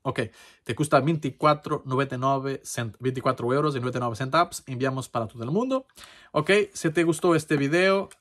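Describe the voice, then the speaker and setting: A man's voice: mid-range voice, fairly quick, a bit bright. A man whose first language is Portuguese, talking to his channel in Spanish with a Portuguese accent, casual and hesitant, full of fillers and restarts. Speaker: crypto channel host. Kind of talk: casual tutorial talk to camera.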